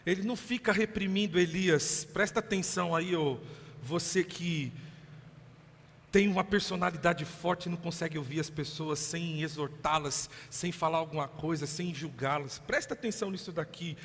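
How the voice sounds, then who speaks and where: Brazilian pastor preaching in a reverberant hall. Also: male voice, fairly high pitch, moderate pace. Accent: Brazilian Portuguese. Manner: lively preacher acting out voices, laughing asides. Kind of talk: sermon. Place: church hall.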